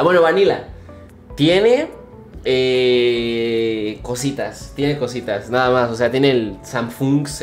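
Young male streamer, playful gameplay chatter, mid-range voice, faint music bed. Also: medium pitch. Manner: playful, joking, repeats phrases, laughs often. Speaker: gaming streamer. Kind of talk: casual gameplay commentary.

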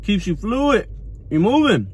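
A man, talking with his mouth full in a blunt, joking way while reviewing fast food. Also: high-pitched, very animated, husky. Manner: blunt, joking, swears casually. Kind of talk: casual car food review. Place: parked car.

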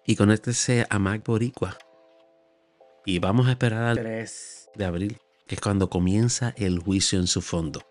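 Steady in tone and moderate in pace, a lowish-voiced man in his sixties from Puerto Rico scolds his viewers with earnest emphasis, gesturing as he speaks. The YouTube commentator records solo in a small home room on a close boom studio mic, his Puerto Rican Spanish accent audible over faint music.

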